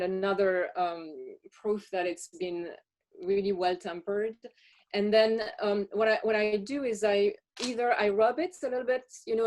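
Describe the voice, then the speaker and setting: A woman's voice: mid-range voice, a little mellow. A woman walking listeners through a chocolate tasting step by step, talking casually with frequent fillers and restarts. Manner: chatty, hesitant with many fillers. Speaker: chocolate taster. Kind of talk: guided tasting walkthrough.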